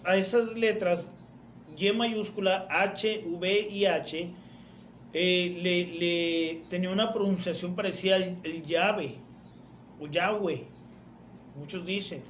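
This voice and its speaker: A man's voice: high-pitched, steady tone, a little slow, reverberant, a little hiss or hum. A man preaching a teaching sermon in a church. He explains step by step, repeats his key points and often addresses his listeners as brethren.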